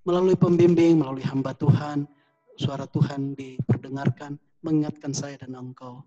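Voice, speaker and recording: A man's voice: fairly even intonation, moderate pace, music in the background. Fervent male pastor preaching over a dull line. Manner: fervent preaching, rising to high pleas. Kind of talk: sermon. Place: church service streamed on a video call.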